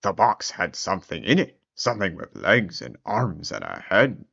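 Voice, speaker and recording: Wry storyteller reading a funny fairy tale, very animated, gravelly creak, dull lo-fi sound. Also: low-pitched, normal speed, no echo. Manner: theatrical, wry. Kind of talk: comic fairy-tale narration.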